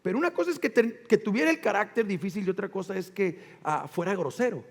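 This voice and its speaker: A man with a Mexican accent preaching a sermon as pastor, animated, with call-and-response to the congregation and acted-out quotes. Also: high voice, fast, vocal fry, in a large hall.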